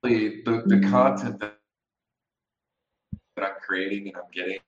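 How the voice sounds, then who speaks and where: A man talking as a guest over a video call, casual and halting, often restarting his sentences. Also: on the low side, echoey room, highs cut off. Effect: heard over a video call. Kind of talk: casual chat.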